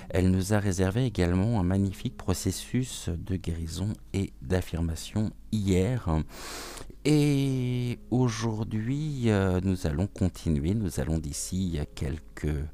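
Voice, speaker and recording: A man hosting a gentle morning oracle card reading, talking softly and soothingly with many hesitant pauses. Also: sits low. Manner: hesitant, frequent filler pauses; soft, soothing, welcoming. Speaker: oracle card reader, channel host.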